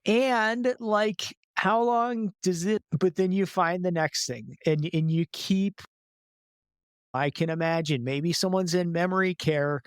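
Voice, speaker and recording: A man's voice: high voice, slow, clear, resonant tone, no room sound, studio quality. A man guest in a casual podcast interview, talking loosely with lots of filler words and easy laughs.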